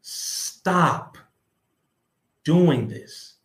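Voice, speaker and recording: A man's voice: fairly high pitch, expressive, very slow, gravelly. Impassioned young man preaching in an echoey room. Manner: impassioned, preachy, addresses listeners as y'all. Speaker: commentator. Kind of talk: reaction commentary on a video.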